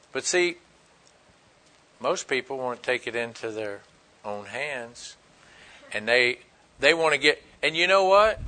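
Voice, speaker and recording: A man delivers a folksy sermon in a high, bright voice. He talks plainly and with emphasis, leaping up in loudness on his key points and dropping low for quieter asides. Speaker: preacher.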